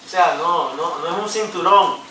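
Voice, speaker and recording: A man's voice: sits high, normal speed, bright, forceful tone, a little hiss or hum. A male pastor preaching a sermon, joking and dropping English fillers into his teaching. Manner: jokey, mixes in English fillers. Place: church hall. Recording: roomy room sound from a distance.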